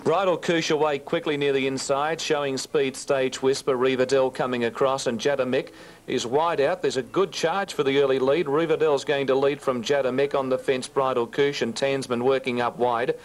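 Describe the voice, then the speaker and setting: An Australian man calling a horse race, listing the runners in a rapid, rhythmic patter and then reading out the results and payouts. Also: fairly even intonation, low-quality recording. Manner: rapid, rhythmic listing of runners, rising in pitch toward the finish. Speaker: race caller.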